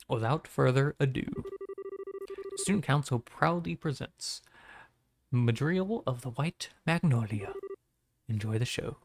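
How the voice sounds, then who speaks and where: A man reading a game's student council president aloud in his own plain, monotone voice. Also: medium pitch, slow pace, creaky, long pauses, a little hiss or hum. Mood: announcing.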